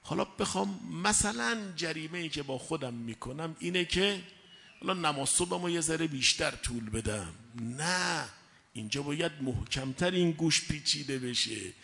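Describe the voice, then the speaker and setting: Male preacher, forceful and bright, deliberate sermon cadence with loud peaks, reverberant hall sound. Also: fairly high pitch, animated, creaky. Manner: emphatic, slow measured delivery with sudden loud rises.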